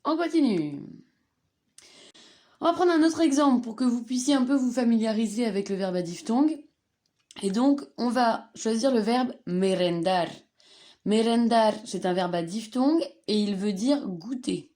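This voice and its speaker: A woman's voice: on the high side, lively intonation, moderate pace, mellow. A woman teaching a slide-based grammar lesson, patiently repeating and stressing each conjugated form. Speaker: Spanish teacher.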